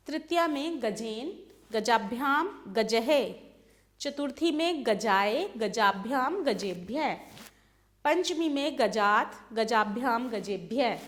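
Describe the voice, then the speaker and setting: A woman teaching a grammar lesson, reciting word forms one after another in a slow, rhythmic way. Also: on the high side.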